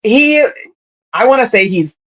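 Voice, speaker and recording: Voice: medium pitch, animated, unhurried, fairly bright tone. A podcast co-host telling a story in casual sports chat, rambling with fillers and restarts. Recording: dull, slightly lo-fi audio.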